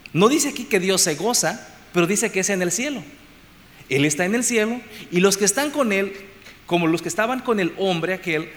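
A man preaching an expository sermon to his congregation, repeating phrases for emphasis and swinging between loud and soft. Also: sits high. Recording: long reverb, faint background noise.

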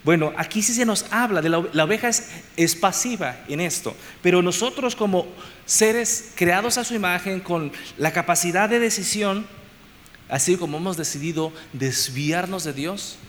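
A man preaching an expository sermon to his congregation, repeating phrases for emphasis and swinging between loud and soft. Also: on the high side, normal speed. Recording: long reverb, faint background noise.

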